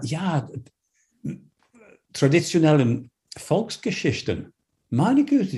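A man's voice: medium pitch, darkish tone. A man from England with an English accent, a native English speaker, answering interview questions as a storyteller, hesitant and full of fillers while he searches for words.

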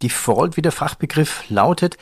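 A man moderating a finance podcast interview, brisk and lightly joking. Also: fairly high pitch, animated, creaky, husky, no echo, studio quality.

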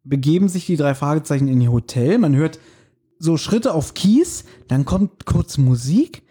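A man with a fairly high voice and a breathy edge co-hosts a podcast at a moderate pace. He chats casually and animatedly about a radio play, laughing often and acting out scenes in put-on voices.

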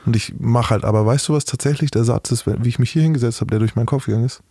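A man's voice: mid-range voice, very fast, warm tone, husky, no room sound, studio quality. A middle-aged man speaking as an interview guest, talking frankly and matter-of-factly in a casual interview.

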